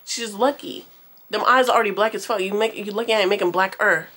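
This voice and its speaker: Casting: young woman, storytime vlogger, brash and cursing, chatty and animated, mid pitch. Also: quick pace. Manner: profane, animated, talks straight to viewers. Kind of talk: casual storytime.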